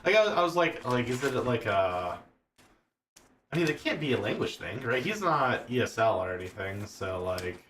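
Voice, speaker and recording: A man's voice: medium pitch, sing-song, normal speed, fairly bright tone, recorded from a distance, a little hiss or hum. An American man in casual chat, rambling and hesitant, often restarting his sentences. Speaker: podcast co-host. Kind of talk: casual chat about card games.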